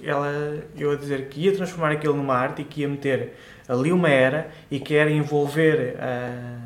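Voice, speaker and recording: A man's voice: on the high side, fairly even intonation, moderate pace. A man with a European Portuguese accent chatting casually as a podcast co-host, joking in a mock-grandiose way. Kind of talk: casual chat. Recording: echoey room.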